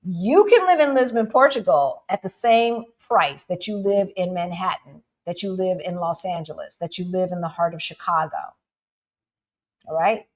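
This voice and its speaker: Her pitch sits fairly low and her pace is normal as she co-hosts a livestream from the United States. Lively and informal, she breaks into laughter frequently and greets viewers with "y'all."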